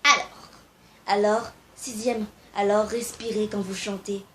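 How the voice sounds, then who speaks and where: A woman's voice: mid-range voice, level tone, a little slow, fairly bright tone. A young woman talking casually to camera and giving amateur singing tips, informal and a little hesitant, with frequent fillers.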